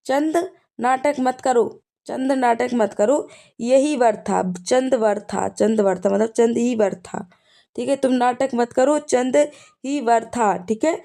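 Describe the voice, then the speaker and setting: A woman teacher leads an exam revision lesson, teaching memory tricks and repeating key points while checking in with "ठीक है." Her voice is on the high side, warm, with vocal fry, and she takes it slowly.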